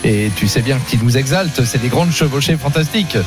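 Un homme qui commente une course automobile en direct, bavard et analytique, ponctuant son propos de tournures familières. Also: male voice, medium pitch, expressive, a little fast, music in the background. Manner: talkative, analytical, with frequent conversational tags. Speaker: motorsport commentator. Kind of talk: live motor racing commentary.

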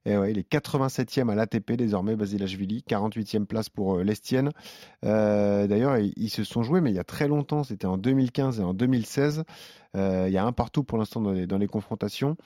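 A man's voice: fairly low pitch, fairly quick, warm tone, dry recording, studio quality. A man hosting a casual sports betting chat, reading out odds and results in a chatty way. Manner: reads out odds and stats, chatty. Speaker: sports betting show host.

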